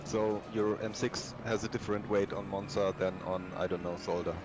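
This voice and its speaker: A man's voice: on the low side, steady tone, normal speed. A man chatting casually as a teammate during a sim race. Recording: clear engine noise behind voice. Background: racing car sounds.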